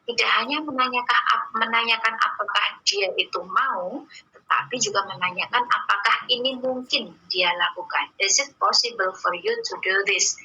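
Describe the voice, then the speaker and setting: A woman teaching an online English class, slowly reading out examples and patiently explaining them. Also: a little high, sharp tone, husky, muffled recording. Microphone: video call or computer mic.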